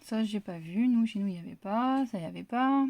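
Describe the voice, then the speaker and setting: A woman's voice: medium pitch, fairly quick, a little mellow. A woman showing her crafting finds in a casual, rambling haul chat, full of fillers. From France. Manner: chatty, rambling, many fillers. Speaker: craft vlogger.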